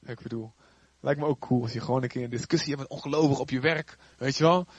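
A man teaching a Bible story in a casual, animated way, acting out the characters' lines. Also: medium pitch, fast, dry recording, highs cut off. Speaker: youth preacher.

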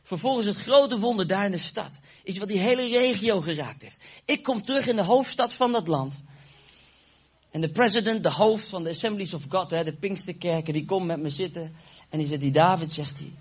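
A man preaching, telling a testimony and acting out the dialogue with animated energy. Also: high voice, a little fast, husky, lo-fi sound. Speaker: evangelist preacher. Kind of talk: sermon testimony.

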